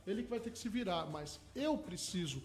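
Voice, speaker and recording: A man's voice: sits high, animated, a little fast. A man, a hypnotherapist guest in a radio studio, eagerly explaining his ideas with everyday examples. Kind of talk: radio interview.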